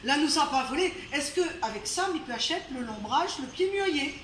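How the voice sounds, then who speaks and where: A woman's voice: high-pitched, expressive, fairly quick, fairly bright tone, slight background noise. A woman storyteller voicing a tired, humble poor man who speaks in an easygoing way but protests when pushed. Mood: calm. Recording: roomy, distant live venue recording.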